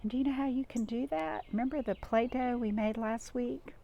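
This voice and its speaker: This storytime host has a mellow, fairly high voice with a steady tone and a fairly quick pace, and the recording is muffled. She reads aloud and chats about crafts for young children, repeating simple phrases and addressing them directly.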